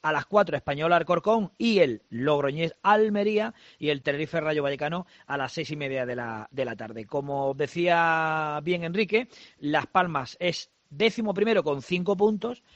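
A man hosting a live sports radio show, chatting and running through fixtures in a brisk, conversational way. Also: fairly high pitch, lively intonation, a bit bright, no echo, muffled recording.

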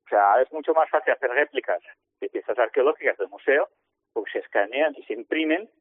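A man's voice: medium pitch, slightly rough, no room sound. Man on a tinny phone line. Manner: halting, restarts often. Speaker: municipal archaeologist. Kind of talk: phone-in radio interview.

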